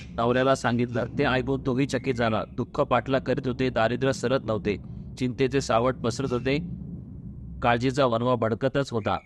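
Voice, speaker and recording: A man narrating a devotional folk tale in a steady, measured storytelling voice. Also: medium pitch, a little hiss or hum.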